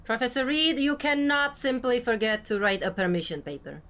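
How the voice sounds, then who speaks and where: A woman's voice: fairly high pitch, normal speed, fairly bright tone, lightly acted. A woman performs a strict female prison officer for an audio roleplay. Her delivery is curt and authoritative, that of someone who enforces every rule. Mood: stern, reproving.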